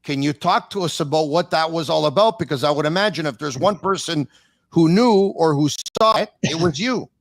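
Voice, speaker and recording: A man's voice: fairly high pitch, normal speed, gravelly. A man hosting a podcast, asking guests questions in a conversational interviewing style. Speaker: podcast host.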